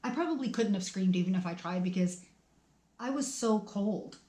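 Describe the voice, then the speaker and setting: A middle-aged woman tells a personal story in a casual vlog, lively and expressive. She laughs between lines and acts out her own thoughts. The voice sits at an ordinary pitch in a roomy, echoing space. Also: moderate pace. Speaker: storytime vlogger. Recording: roomy echo.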